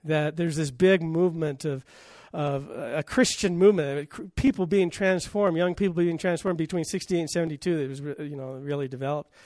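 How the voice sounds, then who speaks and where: High-voiced emphatic male preacher. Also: fairly even intonation, a little fast, hardly any pauses, a little mellow, no echo, studio quality. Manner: emphatic, with rhetorical questions and swings in volume. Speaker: pastor. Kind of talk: sermon.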